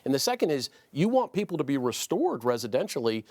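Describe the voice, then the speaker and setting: A man's voice: medium pitch, sing-song, quick pace, a little mellow, dry recording, clean studio sound. A man speaking as a political analyst on a panel, confident and explanatory. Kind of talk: studio panel discussion.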